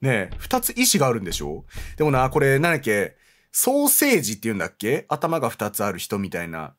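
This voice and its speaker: A man's voice: medium pitch, wildly swooping pitch, fast, a bit bright. A man giving joking, self-mocking commentary on a horror game as he plays it. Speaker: game streamer. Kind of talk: let's play commentary.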